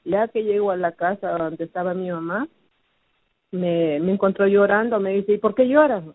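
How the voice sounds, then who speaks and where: A woman giving a personal testimony, recounting her past slowly and hesitantly, with many fillers and restarts. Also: mid-range voice, fairly even intonation, no echo. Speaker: testimony giver. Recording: phone-like, dry narrow sound.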